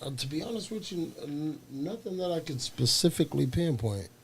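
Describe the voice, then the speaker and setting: A man's voice: a little high, animated, brisk, slight background noise, rough recording. A man, a guest on a casual livestream, giving short, offhand replies. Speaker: guest co-host.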